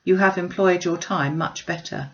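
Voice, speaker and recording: Woman reading as a reserved, low-voiced gentleman. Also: dull audio, natural voice. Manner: measured, formal, understated. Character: reserved, proud, courteous young gentleman. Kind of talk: storybook reading.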